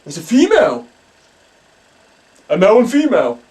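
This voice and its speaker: A man playing a hammy spoof psychic medium who speaks in halting, dramatic whispers and gasps in a comic mock documentary. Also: sits high, huge pitch swings, a little mellow, far from the mic. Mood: excited. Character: hammy male stage psychic, breathy and theatrical.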